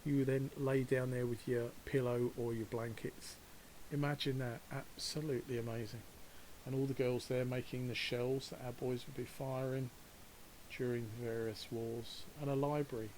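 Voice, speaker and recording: A man's voice: medium pitch, little pitch movement, moderate pace, a little mellow, a little hiss or hum, low-quality recording. Chatty man rambling through a virtual tour. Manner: chatty, rambling, chuckles at his own asides. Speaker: virtual world guide. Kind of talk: casual walkthrough narration. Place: home setup, voice over a VR headset session.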